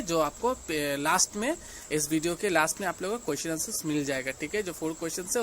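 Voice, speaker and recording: A woman's voice: fairly low pitch, a little hiss or hum. A woman teacher with an Indian English accent, reading a class storybook line by line and explaining each part for young pupils. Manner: reads English lines slowly, then explains in Hindi.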